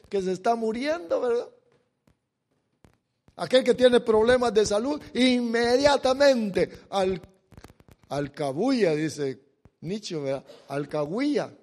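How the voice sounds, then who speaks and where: Male preacher, high-pitched, slow and deliberate, impassioned sermon with sudden loud swells and hushed asides. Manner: impassioned, swings from loud pleading to quiet asides; repeats "mire" to address listeners.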